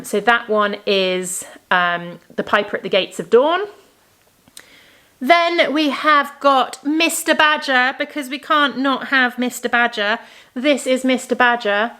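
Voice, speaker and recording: Showing off her creations in relaxed show-and-tell fashion, a woman who hosts a crafting podcast and dyes yarn talks with eager, wandering enthusiasm. Her mid-range voice sounds pushed and bright yet a little worn, with a clean tone.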